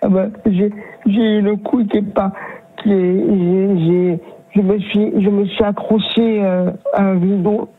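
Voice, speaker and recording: A man in his thirties with a southern French accent, calling in to a radio show, speaking haltingly with many restarts. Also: sits high, flat delivery, breathy edge. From southern France. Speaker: caller. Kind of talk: phone-in call. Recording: tinny phone line.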